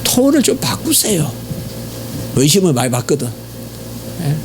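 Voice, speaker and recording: A man's voice: big pitch swings, measured pace, music in the background. A middle-aged man with a Gyeongsang Korean accent preaching a sermon as pastor, emphatic, with frequent affirming fillers. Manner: emphatic, pitch leaps on exhortations, frequent "예" fillers. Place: church sanctuary.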